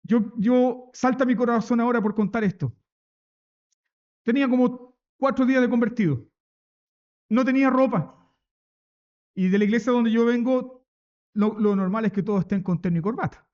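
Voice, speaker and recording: A man's voice: very high voice, normal speed, pauses often, darkish tone, dull audio. A man preaching a sermon as pastor, emphatic, repeating key phrases and asking rhetorical questions. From Chile.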